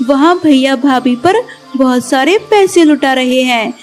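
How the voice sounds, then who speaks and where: Woman playing a spiteful young cartoon sparrow, high voice, urgent and tattling. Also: measured pace, a little mellow, soft background music. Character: jealous young sister-in-law sparrow, spiteful.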